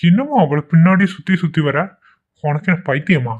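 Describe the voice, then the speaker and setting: A man's voice: a little high, very animated, fairly quick, breathy edge. Man voicing curt scornful young husband. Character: young married man, blunt defiant husband. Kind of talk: amateur cartoon voice acting. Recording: tinny phone-like lo-fi audio.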